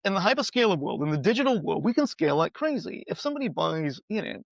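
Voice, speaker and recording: A middle-aged man speaking as a guest expert in a conversational podcast interview, animated and acting out quoted dialogue with playful voices. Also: high-pitched, fast talker, creaky, no echo. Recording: slightly dull, dry sound.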